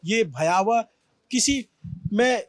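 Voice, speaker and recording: A man's voice: high voice, animated, slow, no room sound. Impassioned man reporting from the scene. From Prayagraj, India. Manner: impassioned, emphatic, rhetorical. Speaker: field reporter. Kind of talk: on-site news report. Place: at a damaged shop after a crowd crush.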